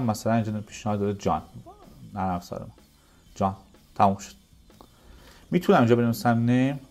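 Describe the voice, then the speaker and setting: A man teaching programming in a coding tutorial, explaining step by step and answering his own questions. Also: medium pitch. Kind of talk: screen-recorded coding tutorial.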